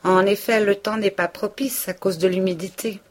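A woman's voice: medium pitch, fairly even intonation, normal speed, voice pushed up, close to an everyday voice. A woman reading a novel aloud, voicing a pompous male village pharmacist who talks in a haughty, disdainful way.

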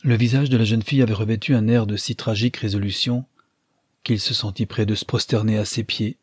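A man narrating a literary audiobook in a measured storytelling manner, with a husky voice. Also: lowish voice, fairly even intonation, no echo, studio quality.

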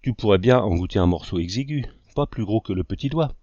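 A teasing older uncle with a deadpan wit, put on by an audiobook narrator. The voice stays low and dry against a dull, slightly muffled recording. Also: male voice, brisk, no room sound.

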